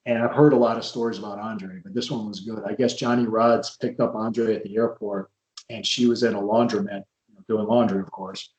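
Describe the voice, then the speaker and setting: A man's voice: on the low side, fairly even intonation, brisk, a little mellow. A man hosting a podcast interview, a former wrestler rambling through old stories with frequent restarts. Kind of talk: casual interview chat. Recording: roomy echo.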